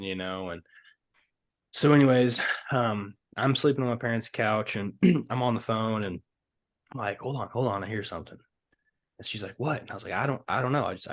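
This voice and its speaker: A man in his thirties, a podcast co-host, telling a story in casual chat and acting out the quotes. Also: sits low. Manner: animated storyteller, acts out shouted quotes.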